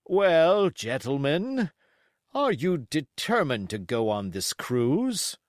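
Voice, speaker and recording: Male reader playing stern sea captain, audiobook character, raised pitch, very slow, clipped, stubborn, emphatic. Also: big pitch swings, no echo, studio quality. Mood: firm, insistent.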